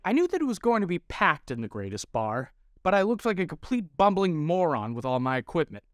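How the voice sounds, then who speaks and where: A man's voice: a little high, sing-song, a little fast, no echo, clean studio sound. A man narrating a comedic recap of his reporting in a self-deprecating, rambling way.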